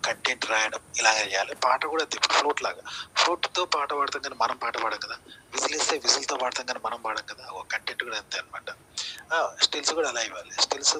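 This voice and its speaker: A man's voice: mid-range voice, noisy background. A man giving a rambling spoken lecture as a channel host, looping back with repeated phrases and rhetorical questions.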